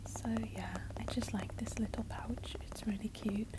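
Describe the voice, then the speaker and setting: A woman whispering softly and breathily in a casual, rambling ASMR style, close to the mic while she taps on items with her fingers. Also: mid-range voice, steady tone, moderate pace. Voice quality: breathy, mostly unvoiced whisper. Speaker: ASMR video creator. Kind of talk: whispered, soft-spoken ASMR. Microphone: close ASMR microphone. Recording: close noisy mic with tapping and clicks. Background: finger tapping and clicking on objects.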